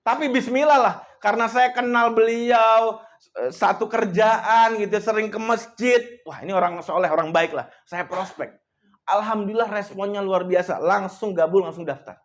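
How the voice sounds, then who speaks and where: A man coaching an audience in a motivational speech, telling stories and addressing his listeners directly. He swings between hushed, soft passages and loud, emphatic outbursts, with frequent devout exclamations. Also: sits high, normal speed.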